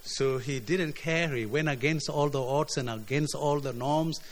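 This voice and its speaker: A man from preaching a sermon, earnest, often repeating words as his voice swings between emphatic highs and quiet lows. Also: unhurried. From South Sudan. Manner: earnest, repeats words, rises and drops in pitch and loudness.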